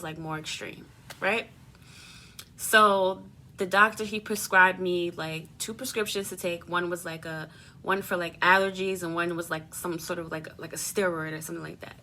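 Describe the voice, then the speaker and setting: A young adult woman telling a personal story in a casual, animated way, swearing freely and using lots of fillers. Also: lowish voice, a little hiss or hum. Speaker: beauty vlogger.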